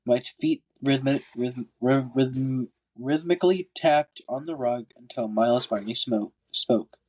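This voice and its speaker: With a stuffy, congested nose, a podcast host reads a book aloud for an amateur audiobook, sometimes stumbling over words and going back to reread lines. His voice is mid-range and a little mellow, and he keeps a measured pace.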